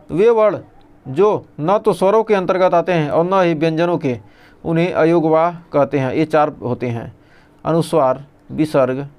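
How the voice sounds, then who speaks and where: A male teacher runs an exam revision lesson, reading lists aloud and answering the questions he puts to himself. His voice is smooth and clear and sits a little high for a man. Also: darkish tone.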